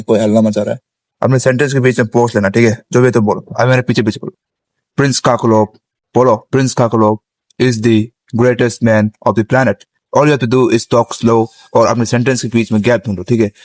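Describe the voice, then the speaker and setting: A man's voice: mid-range voice, a little mellow, dry recording. A young man giving a casual spoken tutorial on vocal tips, outdoors on a rooftop. He explains step by step and keeps checking in with his listeners. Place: outdoors on a rooftop, sitting on the ground.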